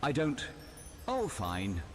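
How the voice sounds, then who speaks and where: A man voicing a flustered video game adventurer cursed with a deep, swallowed, troll-like voice, speaking haltingly. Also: huge pitch swings, in a large hall, slight background noise. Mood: flustered, appalled. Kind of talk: scripted video game dialogue.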